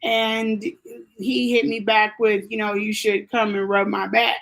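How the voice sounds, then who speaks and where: A woman's voice: medium pitch, level tone, measured pace, gravelly, a bit bright. A woman who grew up in Germany, telling a personal story as an interview guest, rambling with many fillers and restarts.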